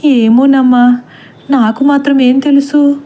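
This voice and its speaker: A woman's voice: high-pitched, steady tone, slow, dark tone, voice pushed up. A woman voicing a timid middle-aged man who frets and talks fearfully in a storybook reading. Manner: stammering, fretful.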